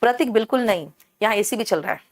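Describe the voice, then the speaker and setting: A woman teaching English grammar in a classroom, explaining patiently, checking understanding and slowing down to spell out example sentences. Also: mid-range voice. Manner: explains patiently, calls students beta, asks check questions. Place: classroom with air conditioner running.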